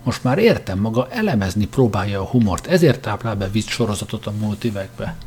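A man's voice: lowish voice, sing-song, a little mellow. A man voicing a nervous male politician who answers with forced, placating cordiality. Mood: eager. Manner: eager, placating.

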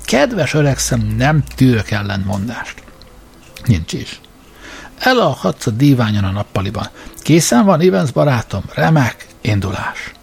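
A man voicing a tipsy, good-natured young gentleman who rambles and forgets things, as an audiobook character. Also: mid-range voice, very animated, creaky, slightly rough, pitched above the performer's own voice, full character voice. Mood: effusive. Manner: effusive, forgetful, blustering.

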